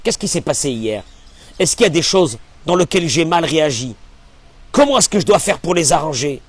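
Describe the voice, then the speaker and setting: A rabbi giving a Torah class in an emphatic, animated way, full of rhetorical questions. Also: male voice, fairly high pitch, brisk, no room sound.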